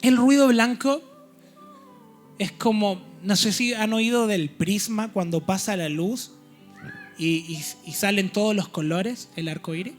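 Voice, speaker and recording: A man's voice: sits high, a little slow, faint music behind. A man preaching a teaching sermon in a church. He explains step by step and keeps checking in with his listeners.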